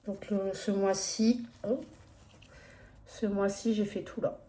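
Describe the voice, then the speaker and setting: A woman with a non-standard French accent casually shows off her cross-stitch projects in a flosstube progress update, hesitant, chatty and apologetic, with plenty of fillers. Her voice is medium-pitched and dark, her tone steady, her pace slow.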